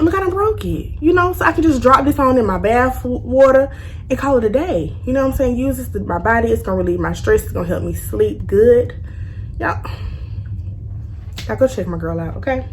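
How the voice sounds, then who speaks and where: A woman's voice: on the high side, a little mellow, a little hiss or hum, low-quality recording. Chatty woman talking through braces. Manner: speaks with braces, stumbles on long words; sassy, informal girlfriend-to-girlfriend address. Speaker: vlogger reviewing soaps. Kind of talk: casual chatty product review.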